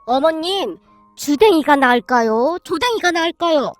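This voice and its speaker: A woman's voice: sits high, animated, normal speed, no echo, faint music behind. A woman voicing a meek middle-aged mother-in-law, eager and trying hard to sound tough.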